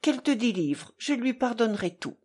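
A woman reading aloud plays a bitter young rival, venomous and contemptuous in her speech. The voice is husky and breathy, with the steady delivery of an audiobook. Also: on the high side, moderate pace.

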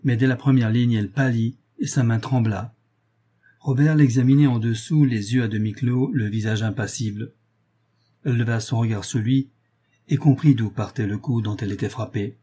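Male audiobook narrator, measured novel reading, mellow and husky. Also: mid-range voice.

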